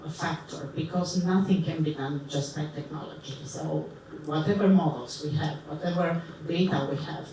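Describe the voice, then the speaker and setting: A woman answering as a panelist. She speaks thoughtfully, with many pauses and fillers. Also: sits low, mellow. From Romania. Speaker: panelist, professor. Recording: echoey hall, distant mic, background noise.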